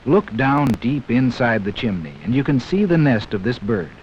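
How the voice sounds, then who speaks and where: Faint hiss and a flat, muffled tone mark this 1960s film soundtrack, where a man explains things to young viewers. His voice sits mid-range and moves energetically, yet his pacing stays measured and scripted, like a classroom film.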